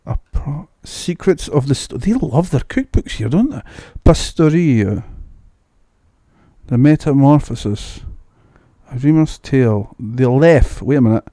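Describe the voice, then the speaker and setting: This Scottish man's medium-pitched, mellow voice is animated but measured as he comments casually on a video game he's streaming. Chatty, he muses aloud about what he sees and restarts words. The dry, studio-quality sound comes from a new studio mic.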